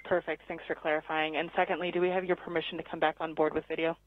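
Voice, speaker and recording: Female ground communicator, slightly low pitch, tight dry radio transmission for procedural calls. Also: level tone, fast, dry recording. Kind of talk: radio communications, read-backs. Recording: narrow phone-like radio link.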